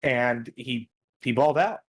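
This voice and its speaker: A man's voice: mid-range voice, a little slow. A man co-hosting a casual fantasy football podcast, blunt and opinionated, often repeating himself. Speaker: podcast co-host.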